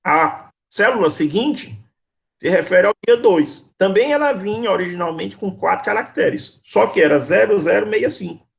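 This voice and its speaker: A male lecturer with a high, gravelly voice, teaching over a video call. He calls on students by name, repeats each question patiently and drills the material step by step. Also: animated, normal speed. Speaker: university lecturer. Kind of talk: online class, quizzing students.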